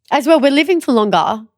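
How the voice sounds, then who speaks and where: A woman's voice: sits high, animated, normal speed, no room sound, clean studio sound. A woman in her late twenties from Australia, co-hosting a podcast in casual chat. She laughs often and fills her talk with "like". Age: 20s. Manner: chatty and giggly, says "like" often. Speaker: podcast co-host.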